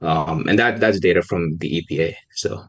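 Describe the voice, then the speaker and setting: His voice low-pitched and slightly rough, a young Pakistani policy researcher responds in a casual podcast interview. He comes across as soft-spoken and hesitant, pausing frequently.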